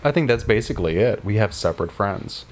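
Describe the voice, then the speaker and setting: A man in his late thirties explains things in an easygoing, thoughtful way in a documentary interview. His voice is deep. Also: lively intonation, fairly quick. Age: 30s.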